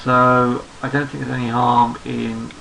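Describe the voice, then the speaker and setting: A trading analyst with a gravelly, croaky voice talks through market charts in a screen recording. He's losing his voice and sounds hoarse, speaking at a medium pitch and a relaxed, measured pace while thinking aloud and repeating himself. The audio is poor, with slight background noise.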